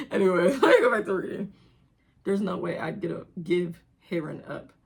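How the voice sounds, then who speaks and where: A woman's voice: on the low side, animated, normal speed, gravelly, slightly rough. A young woman reading her own old writing aloud in an embarrassed, giggly, self-mocking way, casually breaking off to comment. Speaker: reader of own old fan fiction.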